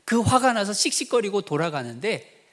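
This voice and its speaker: Male pastor, fairly high voice, preaching; animated storyteller voicing the characters' lines. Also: moderate pace. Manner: storytelling with acted quotes, rising to animated emphasis. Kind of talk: sermon.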